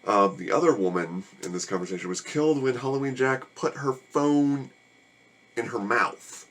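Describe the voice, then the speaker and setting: A man's voice: fairly low pitch, fairly quick, a bit bright. A man casually reviewing a movie, rambling in a weary, sarcastic and annoyed way.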